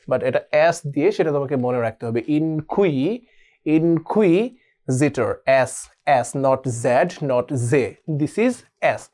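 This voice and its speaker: A man's voice: fairly high pitch, warm tone. A man teaching a spelling lesson who mixes English words into his talk and spells words out letter by letter. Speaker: online spelling tutor.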